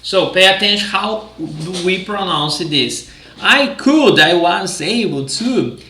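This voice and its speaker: A Brazilian man with a Brazilian Portuguese accent, teaching a language lesson and speaking the drill sentences slowly and carefully. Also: sits high, expressive, pushed and bright, roomy sound, slight background noise. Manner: slow, careful drills in Portuguese, with upbeat English asides.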